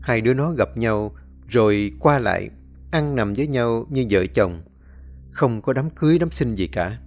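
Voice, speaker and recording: A man's voice: mid-range voice, expressive, moderate pace, a little mellow, faint music behind. A man narrating a dramatic story expressively, acting out the scenes.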